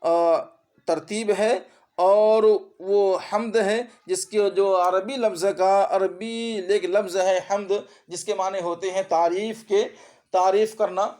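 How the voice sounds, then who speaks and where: A male instructor prepping students for an Urdu grammar exam repeats terminology and asks fast comprehension questions, his accent that of Urdu as spoken in India. The voice sits high, the intonation stays fairly even, and there's a slightly mellow quality.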